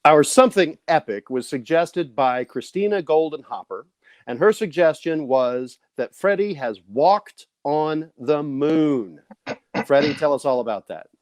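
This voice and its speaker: A man's voice: fairly high pitch, expressive, unhurried, no echo. A man hosting an improv show over a video call, explaining the games in a playful, upbeat way. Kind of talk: hosting game instructions.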